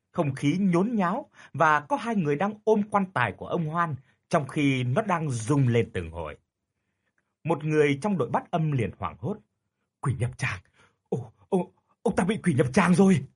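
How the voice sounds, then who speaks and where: A man's voice: a little high, fairly bright tone, breathy edge. A man narrating a horror story dramatically.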